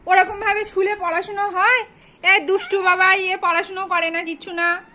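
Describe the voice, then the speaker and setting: A woman's voice: very high-pitched, flat delivery, moderate pace, noisy background. A woman tutoring a small child at home, repeating prompts, coaxing and scolding in turns. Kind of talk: home reading lesson with a child.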